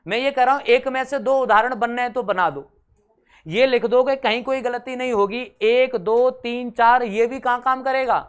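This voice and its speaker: A man teaching a class, patiently explaining and reading verse examples slowly. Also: very high voice, smooth. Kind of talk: classroom lesson.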